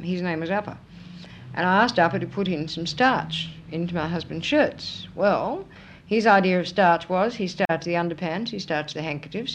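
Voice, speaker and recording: A woman telling a wry anecdote in an interview. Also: fairly low pitch. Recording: muffled tape with faint hiss.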